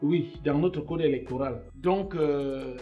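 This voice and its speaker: A man's voice: on the high side, slow pace, phone-quality sound, faint music behind. A man acting as an association president in a comedy sketch, hesitant and stammering as he talks.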